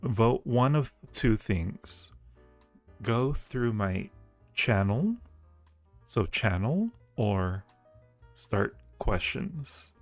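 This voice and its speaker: A man with a fairly low, animated voice speaks very slowly with long pauses, on a recording with no room sound and background music behind it. The livestream host and audio roleplay creator chats casually and playfully, addressing viewers affectionately.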